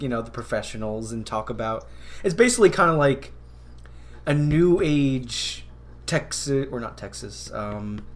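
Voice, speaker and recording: This is a man in a relaxed podcast conversation. He rambles through stories, laughs easily and often trails off into quieter mumbles. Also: mid-range voice, slight background noise. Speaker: podcast co-host. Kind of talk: casual comedic chat.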